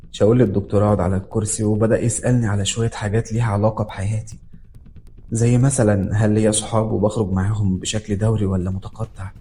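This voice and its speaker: Fast, dark-voiced Egyptian male narrator. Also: on the low side. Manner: dramatic, tense reading. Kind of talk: scripted horror story narration. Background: faint background music.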